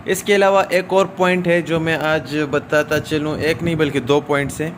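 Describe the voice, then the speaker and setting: A man teaching a recorded shorthand lesson, explaining step by step with drawn-out "aa" fillers and frequent checks like "okay?". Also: on the high side, fairly even intonation, a little hiss or hum.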